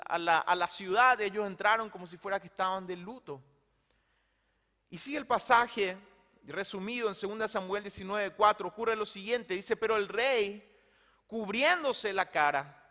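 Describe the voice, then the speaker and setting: A man's voice: high voice, sharp tone. A man preaching a sermon and reading scripture dramatically, his voice rising and falling. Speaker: pastor. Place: church hall. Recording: reverberant church hall.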